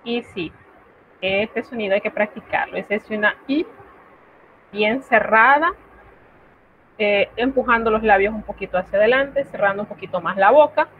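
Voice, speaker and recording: A woman's voice: medium pitch, moderate pace, long pauses, slight background noise. A woman teaching a French lesson, explaining step by step in a patient way and pronouncing each example with care. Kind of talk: recorded online class lesson. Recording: tinny lo-fi phone-like audio.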